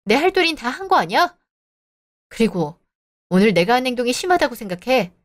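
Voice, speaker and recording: A woman's voice: fairly high pitch, lightly acted. A woman voicing a young married woman who talks back in cold, cutting retorts, in a scripted audio drama. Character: young married woman, sharp-tongued, defiant. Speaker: daughter-in-law.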